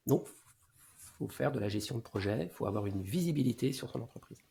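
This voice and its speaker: Man in his forties giving relaxed advice. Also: fairly quick, gravelly, slight background noise. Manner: explains at length in a low-key advising tone, often trailing off quietly. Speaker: guest SEO consultant. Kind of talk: casual podcast interview.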